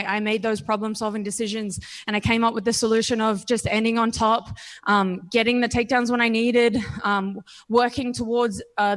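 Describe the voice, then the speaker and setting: A young Australian woman speaks as a fighter in a post-fight interview, her voice pitched a little high. She is confident and frank, talking casually and thinking aloud between ums. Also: fairly bright tone. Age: 20s. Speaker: professional MMA fighter.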